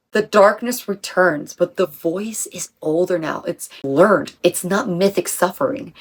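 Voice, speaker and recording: Young woman, casual video-essay host, emphatic and slangy, middle pitch. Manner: chatty and emphatic, with slang and swearing. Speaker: music commentary creator.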